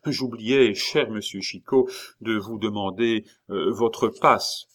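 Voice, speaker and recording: A man voicing an eager, apologetic male gate officer in an audiobook, speaking higher and louder than his narration. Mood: fawning. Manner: apologetic, fussy, hurried. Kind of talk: audiobook character reading.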